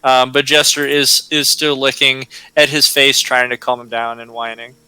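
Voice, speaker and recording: A man narrating a tabletop game as game master, unhurried and full of ums and uhs. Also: medium pitch, level tone, bright, forceful tone, smooth, no echo, low-quality recording.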